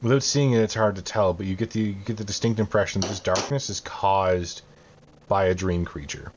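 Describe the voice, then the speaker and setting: A man running a tabletop game as game master, narrating in a calm, descriptive way. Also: lowish voice, brisk, muffled recording, noisy background.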